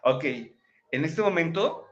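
Man, higher voice, lively motivational livestream, dull laptop mic. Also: slow. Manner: animated, chatty, checks in with listeners. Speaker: motivational speaker. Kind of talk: live-streamed motivational talk. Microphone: laptop microphone.

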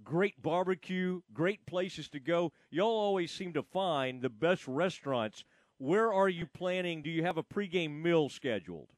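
A man's voice: on the high side, expressive, no room sound. Man hosting sports radio, close, dry sound. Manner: rambling, halting, with frequent false starts. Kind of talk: casual sports radio chat.

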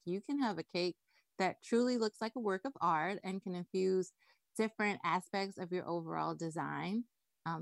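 A woman's voice: mid-range voice, dry recording. A woman from the Bahamas, a wedding cake designer, chatting upbeat as a podcast guest. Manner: upbeat, chatty, frequent laughs and "like".

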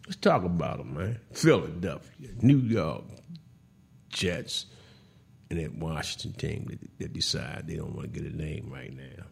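Gravelly-voiced man hosting a sports talk show. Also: extremely low pitch, measured pace. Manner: animated, laughing, teasing rival fans; repeats words and restarts often. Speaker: host.

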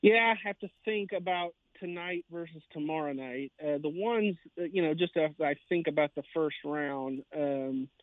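Brief: higher-voiced man calling in by phone, sports writer guest, rambling and filler-heavy, dry sound. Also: normal speed, hardly any pauses, dry recording. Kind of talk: casual sports talk. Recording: tinny phone line.

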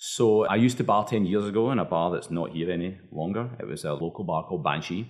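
A man's voice: sits low, quick pace. A man with a thick Scottish accent answering interview questions conversationally as a bar owner. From Scotland.

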